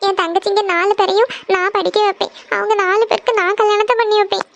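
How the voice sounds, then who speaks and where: A woman voicing a squeaky devoted cartoon daughter. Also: fairly even intonation, fast talker, vocal fry, no room sound. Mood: pleading. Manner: insistent, tearful pleading. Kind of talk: cartoon family serial voice acting.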